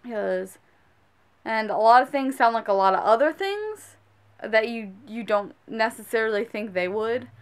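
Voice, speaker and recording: A high-pitched woman delivers a casual, exasperated rant about how people behave. She scolds emphatically, like a fed-up food service worker addressing viewers directly. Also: measured pace, smooth. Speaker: sandwich shop worker.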